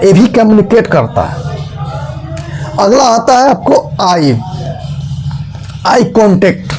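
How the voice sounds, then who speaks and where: High-voiced man teaching a class. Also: a little mellow. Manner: explains step by step with rhetorical questions; demonstrates tone and expressions while teaching. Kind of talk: explaining a lesson.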